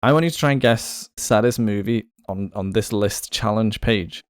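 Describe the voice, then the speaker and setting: Low-voiced man in playful podcast chat. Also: moderate pace, clean tone, dry recording. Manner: playful, guessing aloud with hesitations. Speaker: podcast co-host. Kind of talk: casual chat.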